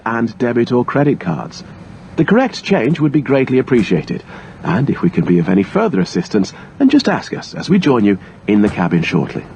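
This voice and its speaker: In a lowish, slightly mellow voice, a man reads scripted airline cabin safety announcements aloud in a formal, instructional way. The audio is muffled and lo-fi, with engine-like cabin noise.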